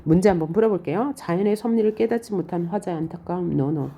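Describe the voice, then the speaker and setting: A woman teaching a Korean literature lecture, explaining poems and reading lines aloud with lively, questioning emphasis. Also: fairly low pitch, quick pace. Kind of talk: online lecture on poetry.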